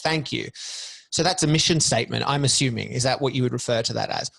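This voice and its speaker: A man's voice: medium pitch, fast, creaky, fairly bright tone. A man hosting a fireside interview, curious and asking long, winding questions. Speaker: interviewer host.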